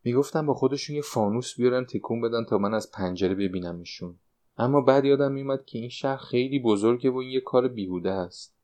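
A man's voice: mid-range voice, dark tone, close to an everyday voice. A man reading the part of a fretful, nostalgic woman of sixty-nine, a former stage dancer, in an audiobook. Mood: confiding.

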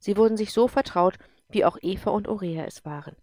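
A woman narrating an audiobook in an even, measured storytelling voice. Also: mid-range voice, dry recording.

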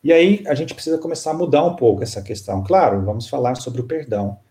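Brief: man, spiritist counselor, calm halting storyteller, warm mellow tone. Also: medium pitch. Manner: calm, halting, many fillers. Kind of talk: storytelling in an interview.

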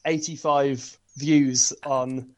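A man's voice: mid-range voice, flat delivery, very slow, a little mellow. A man co-hosting a casual podcast, dry and self-deprecating, swearing casually. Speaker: podcast co-host.

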